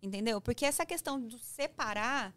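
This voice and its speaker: A slightly high-voiced woman with a Brazilian Portuguese accent talks briskly as a parenting guest in a podcast conversation. She is emphatic and animated and acts out dialogue, recorded on a studio podcast mic with no room sound.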